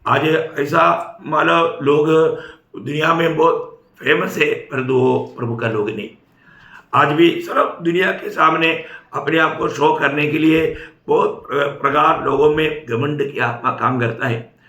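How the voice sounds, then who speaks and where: Male preacher, somewhat high, bright and forceful delivery, emphatic sermon, echoey hall. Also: unhurried. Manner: emphatic, with tag questions to the congregation. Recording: echoey room.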